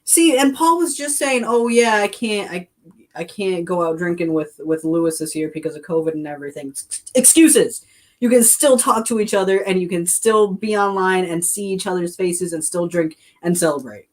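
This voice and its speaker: A woman's voice: fairly low pitch, animated, a little fast, darkish tone. A woman co-hosting a casual podcast, laughing often and trailing off into restarts as she talks with a friend. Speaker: podcast co-host and streamer.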